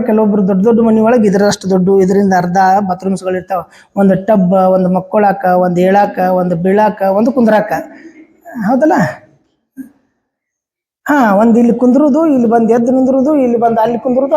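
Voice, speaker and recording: A man's voice: very high voice, dark tone, big-room sound, low-quality recording. A man teaching a history class in a North Karnataka Kannada accent, chatty and full of rhetorical questions and anecdotes.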